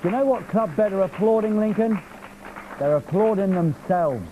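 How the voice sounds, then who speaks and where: A man's voice: sits high, moderate pace, phone-quality sound, background noise. A man hosting a live television music show from a studio, reading viewer messages in a jokey, teasing, playful way.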